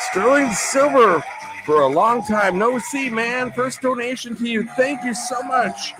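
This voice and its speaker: A man hosting a casual livestream hangout, chatty and upbeat, laughing often as he reads viewer comments and thanks people warmly. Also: very high voice, measured pace. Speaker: livestream host. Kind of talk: casual live-stream chat, reading comments.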